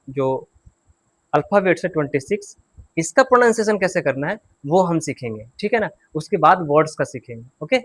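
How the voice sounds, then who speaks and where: A man teaching an English grammar and pronunciation class, patiently repeating key points and quizzing his students. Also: on the high side.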